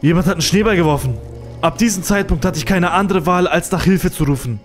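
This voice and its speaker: A male streamer giving excitable, jumpy commentary on a horror game, swearing when scared. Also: high-pitched, fast talker, soft background music.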